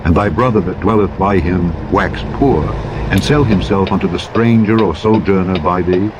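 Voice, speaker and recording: A Bible narrator with a low voice reads from the King James Bible in a solemn, measured, declamatory and formal manner. The audiobook playback is overlaid by loud vehicle engine and road noise from a truck simulator.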